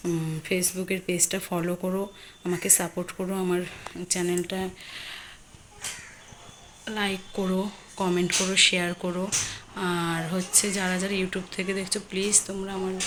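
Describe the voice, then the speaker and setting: A woman, chatting casually as she walks viewers through her household chores in a home vlog. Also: fairly low pitch. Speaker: home vlogger. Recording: phone recording with noticeable background noise.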